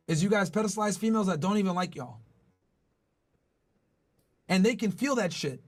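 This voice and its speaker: A man hosting a podcast, giving blunt, profane dating advice in an emphatic lecturing manner. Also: high voice. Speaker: podcast host.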